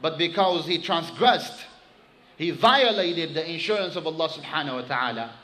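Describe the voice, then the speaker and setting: A man preaching a sermon to his congregation, telling a story with animated emphasis and quickly reciting Arabic phrases. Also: on the high side, a little hiss or hum, poor audio.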